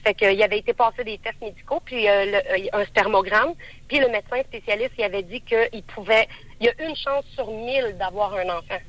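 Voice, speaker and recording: A woman in her thirties with a Québécois French accent, calling a radio show and talking haltingly. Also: medium pitch, a bit bright, dry recording, low-quality recording. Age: 30s. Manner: hesitant, halting, many fillers. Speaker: caller. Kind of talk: call-in radio conversation.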